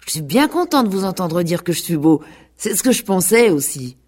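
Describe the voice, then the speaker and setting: A woman's voice: on the low side, big pitch swings, a little fast, darkish tone. A woman voicing a naive, self-satisfied fat pig in a radio play. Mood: pleased. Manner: guileless and smug.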